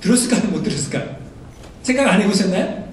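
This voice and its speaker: A man's voice: expressive, fast talker. A man preaching a sermon to a congregation, asking them rhetorical questions and acting out pleading prayers. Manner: acts out prayers in a raised, pleading voice. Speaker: pastor. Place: church sanctuary. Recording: echoey church hall from far off, faint rumble.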